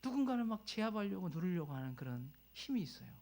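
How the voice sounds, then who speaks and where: A male pastor preaching a sermon, telling a personal story in a conversational way, rising to loud emotional peaks and dropping to near whispers. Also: high voice, big pitch swings, fast talker.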